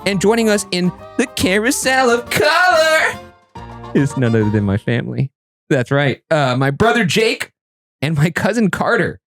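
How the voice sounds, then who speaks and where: A man's voice: sits high, wildly swooping pitch, moderate pace, fairly bright tone, faint music behind. A man hosting a podcast, chatting casually with jokey, self-mocking asides. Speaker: podcast host. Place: indoor podcast studio.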